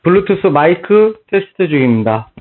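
A man's voice: high voice, sing-song, normal speed. A man reviewing products, repeating plain test phrases while recorded through a bluetooth headset microphone. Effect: heard through a bluetooth headset mic. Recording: muffled lo-fi bluetooth mic.

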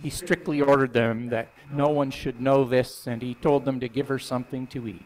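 An older man reading scripture aloud and preaching in a church sanctuary on a headset mic, voicing quoted lines with lifted pitch. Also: moderate pace, low-quality recording. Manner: expressive reading, voices quoted lines higher; stands at the front holding a book, conversational preaching. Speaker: minister.

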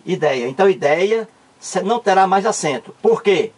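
A man's voice: high-pitched, expressive, moderate pace, a little mellow, slightly rough. A man with a Cearense accent from northeastern Brazil, explaining a grammar lesson with lots of emphatic repetition. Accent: Cearense Brazilian Portuguese. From Ceará, Brazil. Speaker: teacher.

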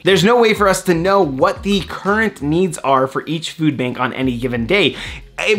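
Man in his 30s, economics explainer, casual and conversational, slightly high-pitched, faint music under the voice. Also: a bit bright. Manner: conversational, explains step by step with hand gestures. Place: small home office with bookshelves.

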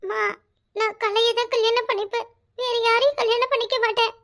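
A bitter, secretive young daughter from a village cartoon speaks in a very high, bright tone, voiced by a woman. Her Kanyakumari Tamil accent carries pleading words with cold resentment underneath. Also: fairly even intonation, fairly quick. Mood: evasive. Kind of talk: cartoon voice acting.

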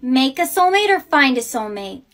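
A woman's voice: sits high, very animated, normal speed, fairly bright tone. A young woman acting in comedy skits, with dramatic, anxious outbursts. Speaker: skit creator.

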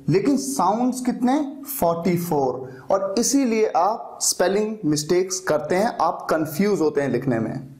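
A man's voice: sits high, a little mellow. A man teaching an English spelling lesson, who explains patiently, asks questions and answers them himself.

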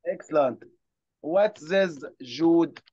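Egyptian male teacher, high voice, slow patient phonics drills, dull lo-fi audio. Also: mellow. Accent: Egyptian Arabic. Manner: patient, drills children word by word in Egyptian Arabic and English. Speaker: English teacher. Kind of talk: classroom phonics lesson.

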